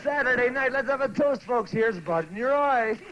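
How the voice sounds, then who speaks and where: A man's voice: extremely high pitch, animated, moderate pace, highs cut off, background noise. A male stand-up comedian doing hammy, chuckling stage banter. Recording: distant live club recording. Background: loud crowd.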